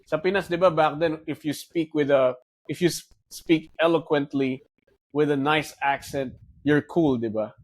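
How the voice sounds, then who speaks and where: A Filipino man in his forties with a Filipino accent talks as a guest in a relaxed conversation. His voice sits fairly high, and he tells stories in an animated way, switching freely between English and Tagalog. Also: moderate pace. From Philippines. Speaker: guest, wealth manager. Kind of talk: casual conversation.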